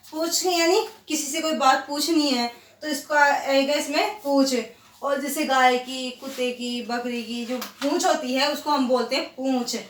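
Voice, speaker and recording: A woman teacher giving a grammar lesson to children, slowly repeating example words and answering her own questions. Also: sits high, a bit bright, distant mic, a little hiss or hum. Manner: slow, drawn-out repetition of example words; asks questions and answers them herself. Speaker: school teacher. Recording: echoey room, voice set back from the mic.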